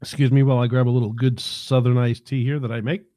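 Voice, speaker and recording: Mellow-voiced New man chatting live. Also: mid-range voice, flat delivery, fast talker, no echo, studio quality. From New York. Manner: rambling, folksy, many fillers. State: tail end of a head cold. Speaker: host of a live broadcast. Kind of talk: casual livestream talk. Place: his home in the South.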